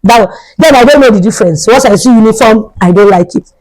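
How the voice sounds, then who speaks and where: A young woman telling a storytime vlog in an animated, dramatic way, her pitch jumping suddenly. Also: quick pace, low-quality recording. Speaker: vlogger.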